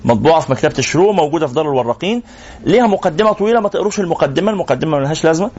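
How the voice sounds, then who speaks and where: Racing and expressive, this sheikh's voice sits on the high side with a darkish tone and a breathy edge. He teaches a live religious class in Egyptian Arabic, hurling rhetorical questions at the room, recorded in muffled lo-fi.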